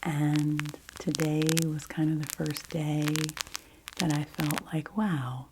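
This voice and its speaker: A middle-aged woman whispering softly into a close microphone, rambling casually in an ASMR video. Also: deep voice, fairly even intonation, noisy background. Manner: soft, unhurried whisper with chatty asides. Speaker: ASMR creator.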